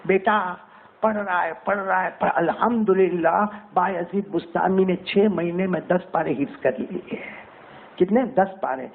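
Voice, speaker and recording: A man's voice: high-pitched, vocal fry, slight background noise. A man preaching a sermon to women, telling a story dramatically and rising to cries when quoting. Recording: tinny phone-like sound.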